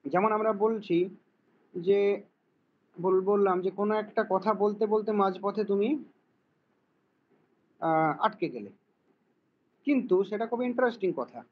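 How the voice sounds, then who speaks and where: Guy teaching philosophy, kinda high husky voice, chatty, dull lo-fi sound. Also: unhurried, pauses often, slight background noise. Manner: conversational, asks "right?" often, acts out little quoted scenes. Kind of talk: explanatory lecture with everyday examples.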